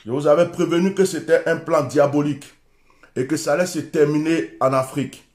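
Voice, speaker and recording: Urgent Ivorian preacher in an echoey room. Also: male voice, a little high, fairly even intonation, brisk, a little mellow. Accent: Ivorian French. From Côte d'Ivoire. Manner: urgent, repetitive, exhorting. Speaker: preacher hosting a live stream. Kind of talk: impassioned livestream address.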